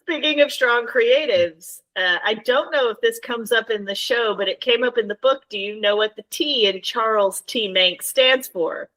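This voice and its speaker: A woman's voice: fairly high pitch, normal speed, hardly any pauses, fairly bright tone. A woman co-hosting a podcast in casual chat. She is wry and laughs easily. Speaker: podcast co-host.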